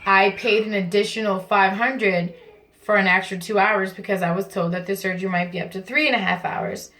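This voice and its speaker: A woman's voice: mid-range voice, steady tone, fairly quick, fairly bright tone, rough recording. A woman vlogger talking casually and informally to camera, explaining things in a chatty way from her bathroom at home. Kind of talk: casual vlog talk to camera.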